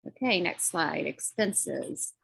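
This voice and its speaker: A woman gives a semi-formal financial report on a group call, speaking politely and informally with hesitant pauses. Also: low-pitched, expressive, creaky, fairly bright tone, slightly rough, no echo. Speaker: finance committee treasurer presenting budget report.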